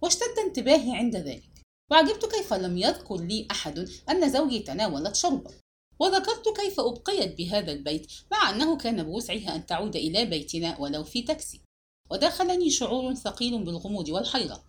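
A woman narrating a crime story in an audiobook reading, with measured, dramatic storytelling. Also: medium pitch, very animated.

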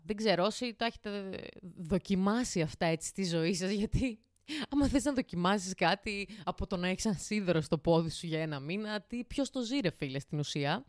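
A woman's voice: on the low side, dry recording, studio quality. A woman in her twenties hosting a casual podcast from her home kitchen. She cooks while she talks, rambling, swearing casually and talking straight to her listeners. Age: 20s. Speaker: podcast host.

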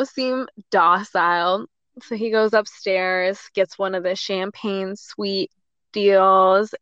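A woman guesting on a podcast, telling a story in an animated way and laughing often. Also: mid-range voice, clean tone, dry recording, highs cut off.

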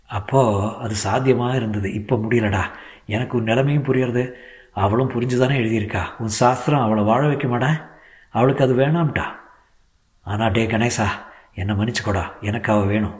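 A man's voice: medium pitch, a little mellow, close to an everyday voice. Male reader playing a heartbroken old grandmother, defiant and pleading. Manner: pleading and scolding, tearful.

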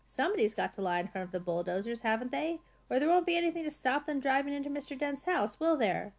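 A woman voicing a breezy, self-assured young man with a brisk, cheerfully bossy manner in an audiobook reading. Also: high voice, lively intonation, voice pushed up. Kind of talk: audiobook character voice.

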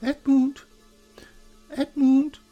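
A man voicing an excited young girl, earnest and eager, with a husky, gravelly tone. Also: mid-range voice, normal speed, highs cut off, soft background music, full character voice.

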